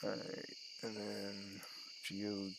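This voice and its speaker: A gaming video host mutters casual commentary on the game he's playing, thinking aloud in short fragments over loud noise and clicks. His lowish voice is gravelly, completely flat and very slow.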